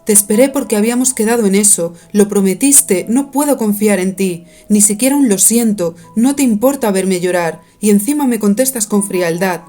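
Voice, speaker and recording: A woman's voice: mid-range voice, normal speed, hardly any pauses, dark tone, faint music behind, natural voice. A woman reading an audiobook, voicing a heartbroken young woman who pleads and reproaches through tears. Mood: tearful reproach.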